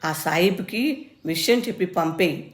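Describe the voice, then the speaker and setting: Fierce elderly grandmother, voiced by a woman storyteller, firm and impassioned, low voice in a roomy space. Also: moderate pace, natural voice. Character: stern, fierce old grandmother defending her garden. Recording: roomy echo.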